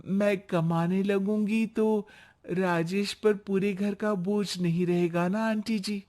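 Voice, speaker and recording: A cheerful young wife from a cartoon story talks earnestly and hopefully, as a woman acts her out. Her voice is mid-pitched and her pace unhurried. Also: fairly even intonation, dark tone, close to an everyday voice. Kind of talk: cartoon voice acting.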